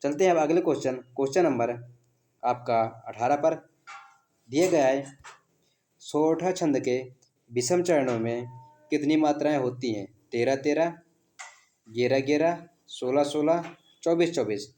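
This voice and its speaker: Male teacher, mellow tone, drills exam questions, repeats key answers back. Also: a little high, unhurried, long pauses. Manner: quizzing, reads options then gives answers; repeats key words as a question to stress them. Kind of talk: exam practice lesson.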